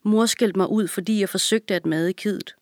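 A woman's voice: mid-range voice, fairly even intonation, no echo, studio quality, lightly acted. Halima, an earnest young girl, read by a woman. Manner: earnest, a little sharp. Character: eager, dutiful schoolgirl, worried.

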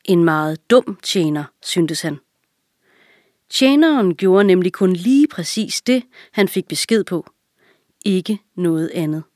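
A woman reading a children's story aloud in a clear, expressive way. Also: on the low side, dry recording, clean studio sound.

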